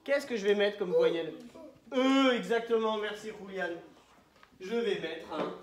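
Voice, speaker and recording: Patient teacher sounding out syllables. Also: male voice, high voice, a little slow. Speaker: primary school teacher. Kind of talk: classroom phonics lesson. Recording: echoey room.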